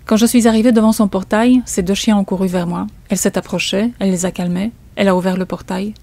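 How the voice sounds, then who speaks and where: A woman's voice: medium pitch, steady tone, quick pace, mellow. A woman, telling a suspenseful first-person story as a comic author. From Poland.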